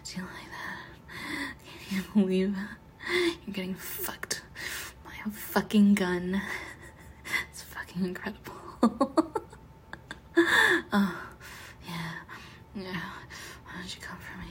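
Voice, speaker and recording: A woman playing a sadistic, unhinged female killer in an adult audio roleplay, talking in a breathy whisper broken by laughs. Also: mid-range voice, slow, pauses often, a little mellow, slight background noise. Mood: taunting whisper.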